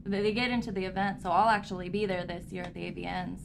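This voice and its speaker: A woman's voice: medium pitch, steady tone, fast talker, vocal fry. A woman guest in a casual chat, upbeat and easygoing. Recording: noisy background.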